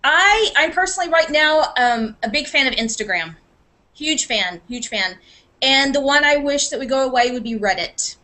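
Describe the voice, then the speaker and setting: A woman guest speaker in a casual video call chat, agreeable and quick to affirm. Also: sits high, lively intonation, pushed and bright.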